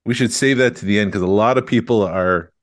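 A man's voice: fairly low pitch, fairly quick, no room sound, clean studio sound. A man co-hosting a podcast, chatting casually and telling a rambling story. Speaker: podcast co-host. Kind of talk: casual chat.

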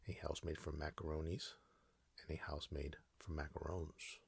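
A man narrating a sleep story in a soft, slow ASMR whisper. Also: rumbling low, slightly rough, no echo.

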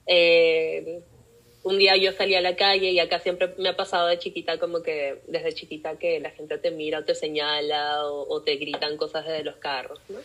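A young woman speaks with a Peruvian Spanish accent and a somewhat low voice. She tells her story with animation as an interview guest, often slipping into the voices of the people she quotes. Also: flat delivery, moderate pace, a bit bright, rough recording. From Peru. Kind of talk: personal storytelling in a podcast interview.

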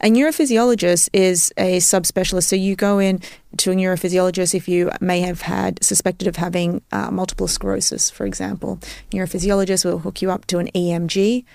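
A fairly low, gravelly, darkish female voice with fairly even intonation and a quick pace belongs to an Australian expert guest on a podcast. She explains her field in a step-by-step, instructive way, using tag questions to check she's understood. The sound is dry and clean, as in a studio.

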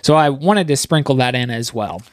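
A man's voice: medium pitch, lively intonation, moderate pace, no echo. A man co-hosting a casual podcast, speaking in an easygoing, reflective way. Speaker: podcast co-host. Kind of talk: casual chat.

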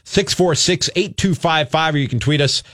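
American man, sports talk host, fairly high voice, dry studio sound, earnest and conversational. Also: moderate pace, a bit bright, no echo.

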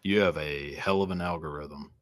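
A man's voice: extremely low pitch, fairly even intonation, normal speed. A man with a standard American accent in casual, comedic podcast chat, often repeating short phrases as he goes. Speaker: podcast host.

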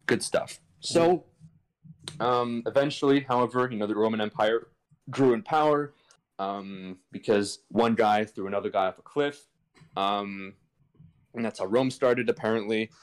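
Low-voiced man explaining, slangy and irreverent. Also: a little slow, low-quality recording. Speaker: podcast guest explaining linguistics. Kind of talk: casual chat. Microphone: video call.

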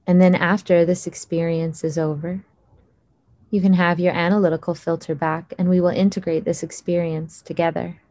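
A woman leading a guided hypnosis meditation in a slow, soothing voice with long pauses. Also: on the low side, level tone, a little mellow, no echo.

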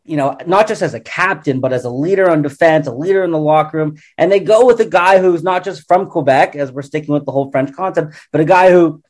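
Man with higher voice analysing sports. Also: quick pace, few pauses, darkish tone. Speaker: panel guest, hockey commentator.

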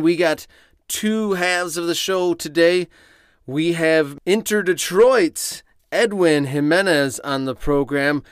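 A man hosting a sports podcast in a conversational, halting way, recorded inside a small closet under the stairs. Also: on the high side, smooth, dry recording, clean studio sound. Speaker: podcast host.

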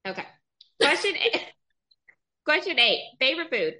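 Woman, podcast host, upbeat, playful, bright voice, slightly high. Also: big pitch swings, a little slow. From Texas, US. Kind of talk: upbeat interview hosting.

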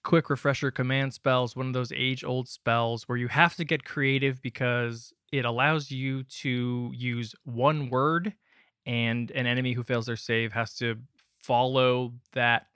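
A man's voice: mid-range voice, bright, forceful tone, smooth, no room sound, clean studio sound. A man, co-hosting a gaming podcast with casual, conversational talk. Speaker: podcast co-host.

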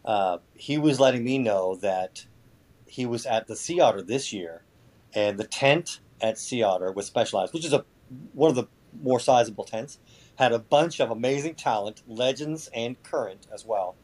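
A man's voice: mid-range voice, animated, moderate pace, a little mellow. A man chatting casually as a podcast guest, sarcastic and foul-mouthed, with mock boasting. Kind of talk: casual chat.

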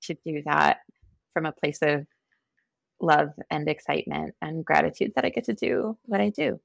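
A woman's voice: low-pitched, animated, moderate pace, vocal fry, no echo. A woman with a Minnesotan accent, a podcast guest talking in a reflective, hesitant, self-deprecating way. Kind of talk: candid conversational interview.

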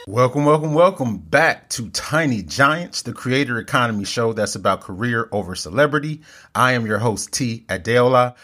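A man's voice: medium pitch, a bit bright, breathy edge. A man hosting a podcast, introducing his guest and interviewing her in an upbeat, enthusiastic way. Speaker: podcast host. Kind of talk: scripted show intro and interview.

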